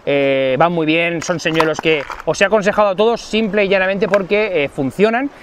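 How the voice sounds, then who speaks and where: A man's voice: high voice, moderate pace, noisy background. Upbeat man at a sea cove. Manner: enthusiastic, addresses viewers directly. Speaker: fishing guide. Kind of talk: fishing vlog talk to camera. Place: outdoors at a seaside cove.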